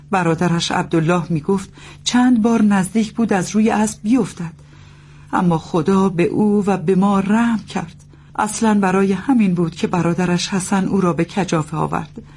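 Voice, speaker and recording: A woman's voice: fairly low pitch, darkish tone, slightly rough. A woman playing a worried mother nursing her feverish son, who speaks in a pleading, formal way.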